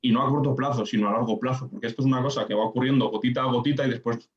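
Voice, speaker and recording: A man's voice: medium pitch, fairly even intonation, very fast, muffled recording. A young man in his twenties from Spain, a political scientist answering interview questions in structured points with rhetorical questions. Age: 20s.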